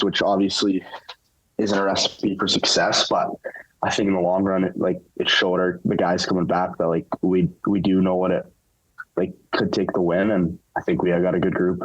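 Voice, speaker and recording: A young man with a very deep voice gives relaxed, halting answers full of fillers. His audio sounds dull and lo-fi. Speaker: interview guest, hockey player. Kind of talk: casual interview answers.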